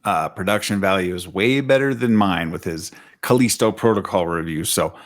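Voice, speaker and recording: A man's voice: low-pitched, normal speed. A man co-hosting a casual gaming podcast in a laid-back, wry way. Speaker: podcast co-host.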